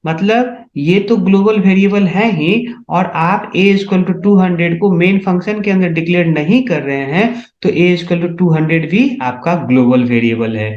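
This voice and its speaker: A man's voice: high voice, measured pace, hardly any pauses. A man teaching C programming in a step-by-step tutorial, often asking whether his students are following along. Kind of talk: screen-recorded coding tutorial. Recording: echoey, dull lo-fi room sound.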